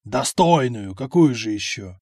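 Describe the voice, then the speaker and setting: A man's voice: mid-range voice, expressive, unhurried, a little mellow, dry recording, clean studio sound. Arrogant greedy count, indignant and haughty, done by a male reader. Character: proud greedy middle-aged male count.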